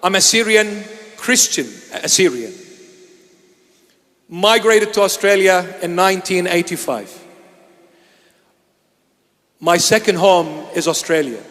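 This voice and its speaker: A man from Iraq, a bishop, preaching a sermon in a large church hall. He speaks emphatically, repeating his phrases and sometimes breaking into shouts. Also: high voice, expressive, takes it slowly, long pauses. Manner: emphatic and repetitive, bursts into shouts. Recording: long hall reverb.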